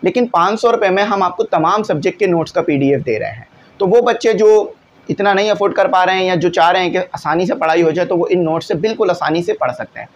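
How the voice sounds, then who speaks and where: Male teacher, high register, patient classroom explainer. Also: animated, fast, lo-fi sound, slight background noise. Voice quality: glasses wearer. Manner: explains patiently, often checks in with "theek hai". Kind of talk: classroom lesson solving exam questions.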